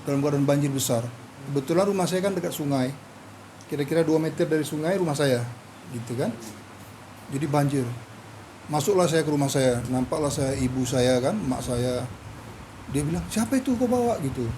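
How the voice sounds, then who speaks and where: A man tells his own story as an interview guest, and his voice sits fairly high for a man. He acts out the lines of everyone in the story, and his pitch jumps up and down as he does. A faint hiss runs under the recording. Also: fairly quick. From Medan, Indonesia. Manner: animated storyteller who acts out quoted dialogue. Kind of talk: personal testimony in an interview.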